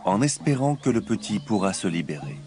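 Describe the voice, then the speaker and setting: A man narrates a nature documentary in a fairly low voice. His delivery is measured and expository, telling a story as he explains. Music plays clearly behind him. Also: very animated.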